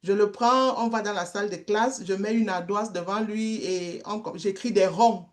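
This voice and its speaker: A middle-aged woman giving a testimony, telling a story in a slow, halting way with repeated words. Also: mid-range voice. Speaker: guest speaker, street-children worker.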